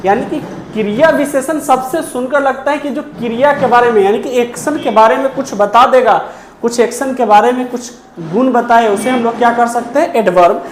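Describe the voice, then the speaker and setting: A woman teaching a grammar lesson, who poses questions and answers them herself and repeats key terms slowly. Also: fairly high pitch, roomy sound, slight background noise.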